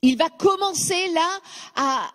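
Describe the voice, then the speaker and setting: A woman interpreting a sermon phrase by phrase, sometimes pausing with a hesitant filler. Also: very high-pitched, animated, a bit bright. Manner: follows the preacher phrase by phrase, with some hesitant fillers. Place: church hall. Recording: reverberant church hall.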